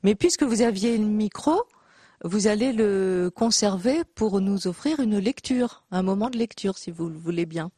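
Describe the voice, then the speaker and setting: A woman's voice: mid-range voice, lively intonation, normal speed, mellow, husky, no echo, clean studio sound. A woman moderating a panel, polite and encouraging as she passes the floor to a guest.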